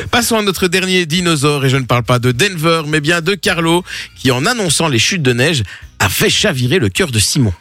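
An evening radio show host recaps clips with sarcastic jokes and teasing asides in mocking banter. His fairly high voice is bright and forceful with lively intonation at a normal pace, and the broadcast has a faint music bed but no room sound.

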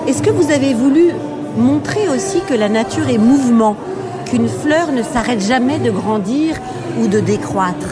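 A woman's voice: a little high, lively intonation, moderate pace, over music. A woman hosting a radio interview, asking fluent leading questions. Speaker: radio host.

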